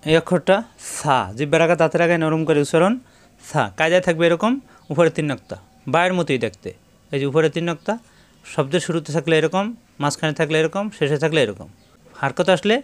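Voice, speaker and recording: A man's voice: fairly high pitch, fast. A man teaching a recitation lesson step by step, repeating syllable drills and speaking directly to his viewers. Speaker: Quran reading teacher.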